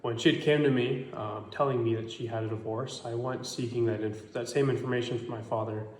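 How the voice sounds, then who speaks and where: A man's voice: mid-range voice, steady tone, brisk, a little hiss or hum. Hesitant young man, echoey room. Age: 20s. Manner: hesitant, many ums. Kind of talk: direct-to-camera statement.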